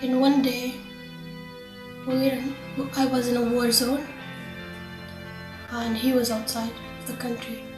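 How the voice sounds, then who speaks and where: A woman in her thirties from Yemen tells her story in plain, halting testimony. Her voice sits fairly high. Clear music plays behind her in an echoey space. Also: flat delivery. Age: 30s. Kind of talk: personal testimony.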